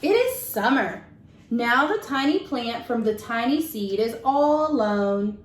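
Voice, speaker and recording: Reading a picture book to young children, this woman teacher sounds lively and unhurried, her voice a little high. Her delivery is simple and instructive, with questions put to the listeners. Faint background noise carries through an echoey room.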